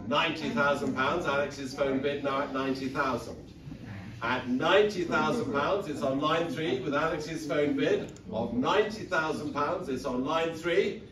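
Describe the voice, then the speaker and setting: A middle-aged man working as an auctioneer, calling bids at a live auction in a steady, rhythmic, repetitive patter. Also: on the high side, noisy background. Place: auction saleroom, indoors. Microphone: lectern mic, filmed from the audience seats. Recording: echoey saleroom from far back, audience around.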